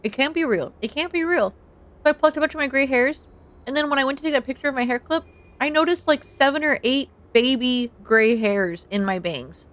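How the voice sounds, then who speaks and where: A woman streamer chatting with her viewers in a fairly high, nasal voice. She is bubbly and giggly, and her voice leaps up when she gets excited. She is recorded on a home streaming setup. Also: a little fast. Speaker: streamer playing a game. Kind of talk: casual live-stream chat.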